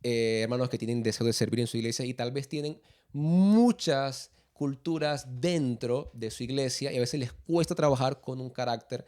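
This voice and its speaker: A man hosting a casual chat, relaxed and hesitant, with many filler sounds as he asks his guests questions. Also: medium pitch, normal speed. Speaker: host.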